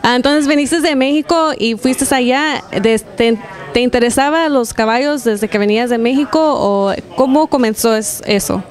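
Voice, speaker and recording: A woman reporter with a high-pitched voice asks interview questions off camera at a racetrack, speaking at a moderate pace. She's plain and friendly, using a few fillers, and holds a handheld mic out to her guests.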